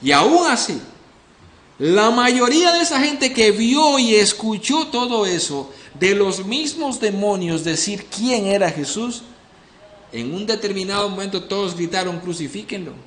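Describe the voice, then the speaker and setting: A man's voice: high-pitched, animated, a little slow, a bit bright, echoey room, a little hiss or hum. A male pastor preaching an expository sermon, earnestly questioning the congregation. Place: church.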